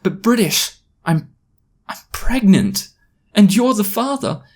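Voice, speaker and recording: A man's voice: medium pitch, moderate pace, close to an everyday voice. A melodramatic lovesick teenage girl from a comic storybook reading, voiced by a man. Her voice is raised well above his own and pleads dramatically. She sounds overwrought and theatrical in every line. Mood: pleading.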